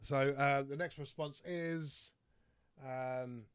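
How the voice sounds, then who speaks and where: Profane ranting podcast host, dry sound. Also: male voice, mid-range voice, steady tone, slow pace, dry recording. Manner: profane, ranting, frequent throat-clearing. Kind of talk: casual podcast chat.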